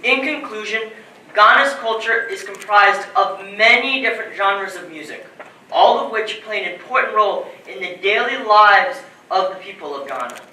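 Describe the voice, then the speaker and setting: A man's voice: sits high, lively intonation, moderate pace, pushed and bright, a little hiss or hum. A young man student reading a prepared conclusion to an audience in a formal way. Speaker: student presenter. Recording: roomy echo, distant from mic.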